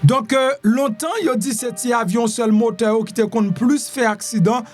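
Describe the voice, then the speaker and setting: A man gives casual, conversational news commentary in Creole, sprinkling in some French and English. His high-pitched voice carries a Haitian accent and a steady tone at an unhurried pace, and he leans on repeated phrases and rhetorical questions over background music.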